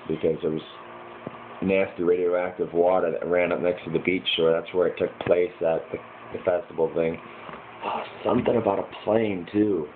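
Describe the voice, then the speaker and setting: Low-pitched American male, casually piecing dreams together in a hazy, puzzled ramble, on a muffled lo-fi recording. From United States, Michigan. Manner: hazy, puzzled, groping to remember. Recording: muffled lo-fi with clear background noise.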